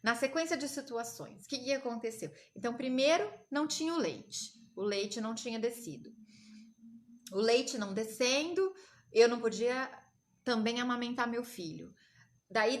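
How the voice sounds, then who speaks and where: Brazilian woman on a live stream, kinda high voice, emotional storytelling, acts out the quotes. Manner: emotional, animated retelling with acted quotes. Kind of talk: personal storytelling to viewers.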